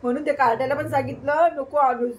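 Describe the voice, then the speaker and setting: Tearful high-voiced woman cooing softly. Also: steady tone, fast, a little hiss or hum, poor audio. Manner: cooing, soft, sing-song baby talk. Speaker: vlogger. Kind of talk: casual vlog talking to viewers and her child.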